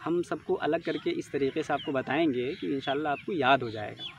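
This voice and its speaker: A man's voice: a little high, fairly quick, recorded from a distance, lo-fi sound, a little hiss or hum. Man teaching, a little off-mic. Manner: explains step by step, repeats names to drill them. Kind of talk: exam-prep lecture.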